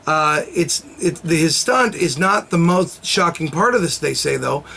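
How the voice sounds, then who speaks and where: A man's voice: a little high, animated, unhurried, vocal fry, sharp tone, breathy edge. A man co-hosting a comedy show, telling a news story in rambling, giggly banter.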